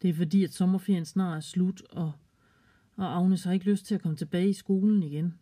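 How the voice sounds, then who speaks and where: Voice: mid-range voice, steady tone, mellow, lightly acted. A storyteller voicing a caring young girl in a children's story, explaining earnestly.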